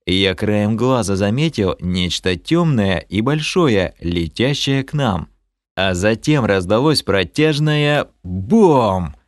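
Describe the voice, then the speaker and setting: Lively low-voiced male audiobook narrator. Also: dry recording, clean studio sound. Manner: animated reading with lively shifts of tone. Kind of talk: first-person audiobook narration.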